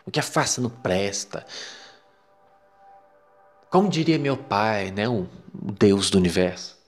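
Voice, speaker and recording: A man with a Brazilian Portuguese accent teaching a self-help course lesson, talking in a lively, emphatic way. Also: on the low side, a little slow, faint music behind. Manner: lively, emphatic, mimics parents' voices. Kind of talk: lecture on beliefs.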